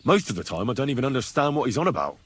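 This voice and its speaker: A man's voice: medium pitch, sing-song, rapid-fire, slight background noise, close to an everyday voice. An actor voicing a terse young male swordsman in video game dialogue, with blunt, dry replies.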